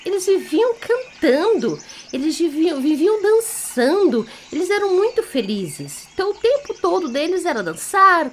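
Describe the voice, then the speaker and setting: An extremely high-pitched female voice, with a little hiss or hum behind it, belongs to a Brazilian woman spinning a children's story on the spot. She's animated and theatrical, chatting with listeners and checking in as she goes.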